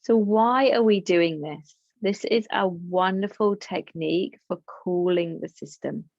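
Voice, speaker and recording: A woman yoga teacher from England leads a class in a low, gravelly voice, gentle and encouraging, with chatty asides. The sound is dry and a little dull, as if recorded on modest gear. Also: a little slow, no echo. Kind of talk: guided yoga class instruction.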